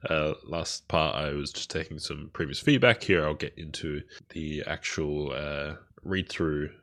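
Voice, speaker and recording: Man, podcast host, deep voice, gravelly, stuffy nose from a cold, hesitant delivery. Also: measured pace, a bit bright. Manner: hesitant, many ums and uhs. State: nasal, blocked nose from a cold. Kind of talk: solo podcast commentary.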